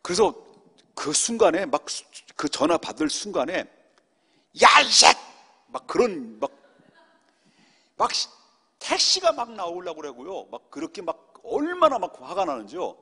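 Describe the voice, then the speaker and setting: Male pastor, middle-aged, sermon, animated storytelling, lively pitch, long church reverb. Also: moderate pace, slightly rough. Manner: animated storytelling, acts out quoted speech. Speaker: senior pastor. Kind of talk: sermon at a Friday prayer meeting. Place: church sanctuary.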